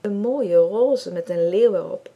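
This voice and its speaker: A woman reading a children's story aloud, calm and clear. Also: medium pitch, a little slow, muffled recording. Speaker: audiobook reader.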